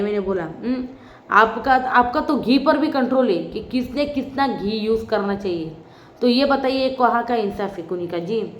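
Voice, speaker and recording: A woman's voice: fairly high pitch, slight background noise. A woman giving a casual, opinionated spoken review of a reality show, talking straight to her viewers. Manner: chatty, opinionated, addresses viewers directly. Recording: roomy, slightly dull recording.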